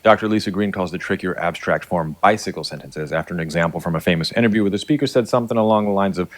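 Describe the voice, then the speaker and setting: A man with a very low voice delivers scripted educational narration. He is articulate and academic in his wording, explaining language like a lecturer and slipping into dialect for his examples. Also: rapid-fire. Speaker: linguistics explainer.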